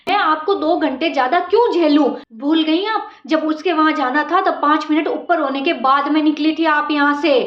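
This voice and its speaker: A woman's voice: high voice, moderate pace, few pauses, close to an everyday voice. A woman playing a curt, sarcastic younger daughter-in-law who scolds her mother-in-law, in an amateur family drama. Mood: scolding. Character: sharp-tongued younger daughter-in-law, spiteful. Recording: echoey room, dull lo-fi sound.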